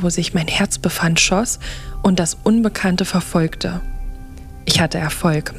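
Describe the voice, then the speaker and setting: A young woman reads a first-person story in a soft, lowish voice. She often slips into a near-whisper, keeping the telling quiet and intimate.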